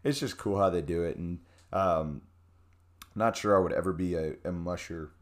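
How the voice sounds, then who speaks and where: A young man telling a travel story in casual chat, animated, with many fillers and restarts. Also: low-pitched, moderate pace.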